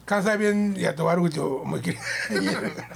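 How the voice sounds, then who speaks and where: A man's voice: a little high, lively intonation, normal speed, creaky, shouting, crowd noise. A man with a Kansai accent, a comedy duo member telling stories with laughs in casual radio banter.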